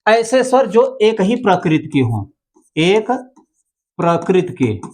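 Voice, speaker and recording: A man's voice: high voice, very animated, slow pace, a little mellow, a little hiss or hum. A male teacher giving an exam-prep grammar lesson, repeating key terms and asking rhetorical questions.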